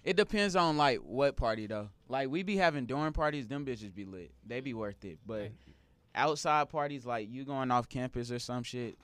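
A man's voice: medium pitch, moderate pace, fairly bright tone, smooth, no echo. A young man speaking as a guest on a casual group podcast, laid-back and slangy. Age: young adult.

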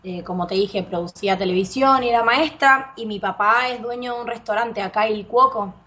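A woman from Argentina with an Argentine Spanish accent sprinkled with Puerto Rican words, chatting casually, swearing freely and telling animated stories. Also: a little high, fairly quick, dull audio. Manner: swears freely, animated storytelling with put-on voices. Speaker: guest. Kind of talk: casual chat.

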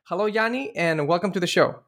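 A man's voice: sits high, animated, a little fast, vocal fry, a bit bright. A man hosting a podcast interview, introducing his guest and asking questions with stammered restarts and fillers. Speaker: podcast host.

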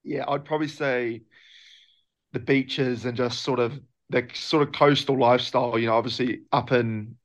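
A man's voice: medium pitch, fairly even intonation, moderate pace. A young man with a New Zealand accent, a professional rugby player answering interview questions in a loose, laid-back way. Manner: laid-back, loose, lots of filler phrases.

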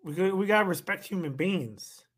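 A man's voice: high voice, moderate pace, slightly rough. A man in casual conversation, agreeable and chiming in with short responses.

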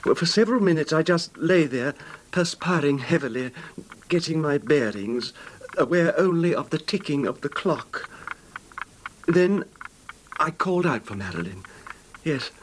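An actor voices a betrayed, ailing husband recounting his grievance as narrated recollection in an old-time radio play. Fairly high and expressive, the voice carries a pained, brooding mood and a halting, formal, genteel manner, on a noisy vintage recording.

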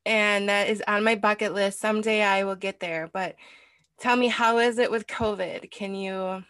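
A woman's voice: medium pitch, fairly even intonation, moderate pace, fairly bright tone, no echo. An American woman with a nasal voice, congested from a cold, chatting casually as a podcast host. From Wisconsin, United States. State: has a cold. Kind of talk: casual interview chat.

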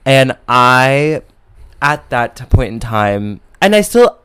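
A young man, telling a story in casual podcast chat, animated and camp, with many fillers. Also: mid-range voice, slow, clear, resonant tone, no echo, studio quality. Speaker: podcast co-host.

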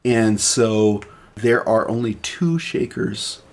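A man's voice: on the low side, takes it slowly. Rambling man hosting a podcast. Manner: rambling, many restarts and fillers. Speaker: podcast host presenting the topic. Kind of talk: casual podcast chat.

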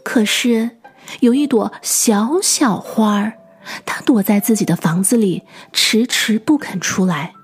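A woman teacher narrating children's stories in a gentle, expressive, sing-song way and speaking directly to young listeners. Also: medium pitch, a little slow, breathy edge, faint music behind. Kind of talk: storytelling for children.

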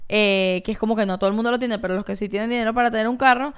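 Woman, high smooth voice, chatty, reads out facts. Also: steady tone, racing. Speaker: podcast co-host. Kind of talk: casual chat. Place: Miami.

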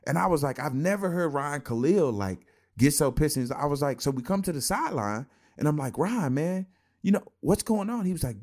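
A former football player co-hosting a casual sports talk show, telling stories in a laid-back way with slang and laughter. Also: male voice, mid-range voice, darkish tone.

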